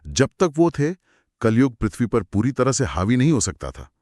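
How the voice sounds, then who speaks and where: A man co-hosting a conversational retelling of scripture, narrating with expressive, dramatic pauses. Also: medium pitch, dry recording, clean studio sound. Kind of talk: conversational storytelling discussion.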